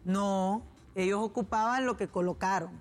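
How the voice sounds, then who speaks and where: A woman co-hosts a political radio debate. She is insistent and argumentative and drives her points home by repeating them. Her pitch is typical for a woman. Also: normal speed. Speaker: radio talk show co-host.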